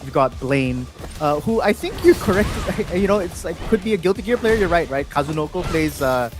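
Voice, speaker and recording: Excitable fighting-game commentator. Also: male voice, fairly high pitch, normal speed. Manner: excitable, rises to near-shouting at big moments. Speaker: esports commentator. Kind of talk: live play-by-play commentary. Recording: commentary over loud game music.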